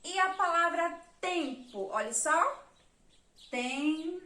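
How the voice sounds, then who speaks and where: A woman's voice: high voice, takes it slowly, echoey room, slight background noise. A woman primary school teacher with a Brazilian Portuguese accent, giving a patient remote lesson to young children and counting and spelling words aloud.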